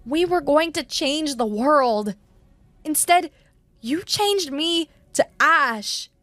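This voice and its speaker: Woman doing a shadow phantom, higher voice, slow, accusing, intimate whisper, fantasy storybook. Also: animated, fairly bright tone, no room sound, exaggerated voice. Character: taunting shadow apparition posing as a dead younger brother.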